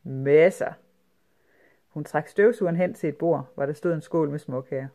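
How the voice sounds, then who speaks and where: Calm storybook reader. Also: medium pitch. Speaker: narrator. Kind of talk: storybook reading aloud.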